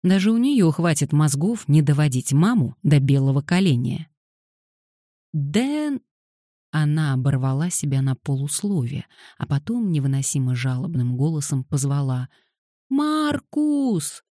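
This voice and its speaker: A woman narrating an audiobook in an even, wry storytelling manner. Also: deep voice, normal speed, hardly any pauses, no echo, clean studio sound.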